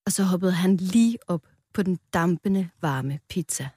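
A woman reading a children's story aloud in a calm, playful storytelling manner, close to the mic. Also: lowish voice, slightly rough, no room sound.

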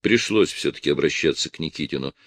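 A man's voice: rumbling low, expressive, fast, no room sound, clean studio sound. A man reading a first-person crime novel as an audiobook, blunt and heated. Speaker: audiobook narrator.

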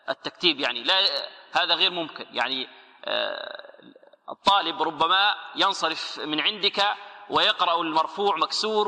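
A man giving a radio lesson on Quran recitation, asking questions and answering them himself and drawing out example words slowly. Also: fairly high pitch, bright, forceful tone, in a large hall.

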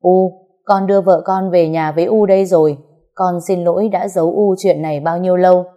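A woman's voice: fairly low pitch, steady tone, warm tone, dull audio, natural voice. Woman doing a nervous, apologetic middle-aged son. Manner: slow, stammering, pleading.

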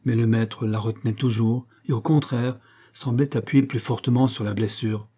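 A man reading a novel aloud as an audiobook, telling the story in a measured, even way. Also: mid-range voice, slightly rough. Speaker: audiobook reader. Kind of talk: scripted narration of a novel.

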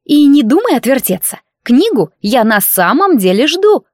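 A shrill young matchmaker, as a woman narrator puts her on, pushing her demands in high, loud bursts. The reading is dry and close to the mic. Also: lively intonation, moderate pace, no room sound, lightly acted. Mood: insistent. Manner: shrill, insistent outbursts. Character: shrill, insistent young female matchmaker friend.

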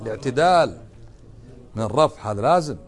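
A man's voice: mid-range voice, lively intonation, brisk. A man teaching a religious lesson, often putting questions to his students. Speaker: Islamic teacher.

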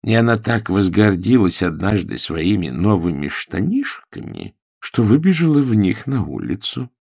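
A man voicing a strict, commanding old female governess in an audiobook, with slow, drawn-out scolding commands. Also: on the low side, big pitch swings, gravelly, darkish tone, no echo, clean studio sound, full character voice. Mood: prim. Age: older. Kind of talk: audiobook character voice.

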